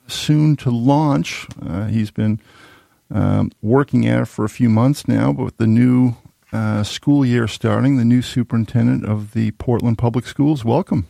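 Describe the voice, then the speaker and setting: A man's voice: mid-range voice, creaky, dark tone, dry recording, studio quality. A man in his sixties hosting a radio talk show, asking long, rambling questions full of restarts. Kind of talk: radio interview. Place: radio studio. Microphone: studio microphone.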